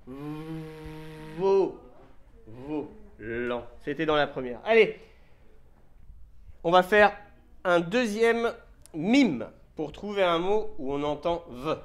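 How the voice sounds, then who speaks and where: A man teaching young children in a classroom, speaking slowly and patiently through a face mask and sounding out letters. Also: high voice, lively intonation. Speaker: primary school teacher. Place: school classroom. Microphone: handheld mic held by a pupil.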